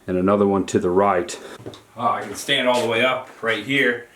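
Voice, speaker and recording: A man narrating a casual solo exploring vlog, talking straight to his viewers in short, deliberate phrases. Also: on the low side, background noise. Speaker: solo explorer filming a cave tour for viewers. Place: on a forest trail and in a small cave.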